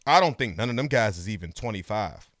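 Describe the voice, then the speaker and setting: A man's voice: on the low side, lively intonation, fast, a bit bright, no echo, clean studio sound. A man co-hosting a sports podcast in casual chat, rattling off lists of players and making emphatic points. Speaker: podcast co-host.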